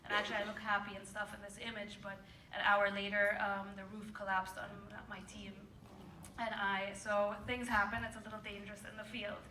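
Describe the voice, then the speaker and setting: A woman's voice: medium pitch, flat delivery, fairly quick, pushed and bright, distant mic, a little hiss or hum. A young woman from Egypt giving a casual, self-deprecating conference talk about her fieldwork, full of ums, a little jet lagged. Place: large conference hall. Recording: echoey hall, voice off-mic.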